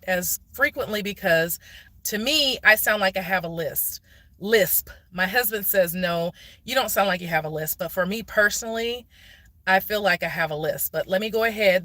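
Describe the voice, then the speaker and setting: Sitting in a parked car, a woman goes live on her phone, held or propped nearby, and casually explains things while answering viewers' questions. She speaks in a medium-pitched, bright, forceful voice, and there is no echo.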